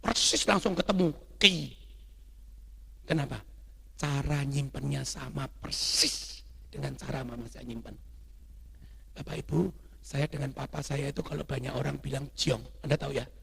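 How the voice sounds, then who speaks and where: A middle-aged man gives a loud, lively religious teaching talk to a congregation, telling stories and often asking the audience to agree. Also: mid-range voice, moderate pace, creaky, pauses often, breathy edge. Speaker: lay church speaker.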